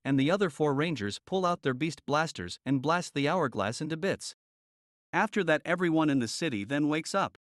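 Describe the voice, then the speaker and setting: A young man narrates a homemade audiobook steadily and plainly. His voice sits fairly high and the recording is dry and close. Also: animated, normal speed, dry recording.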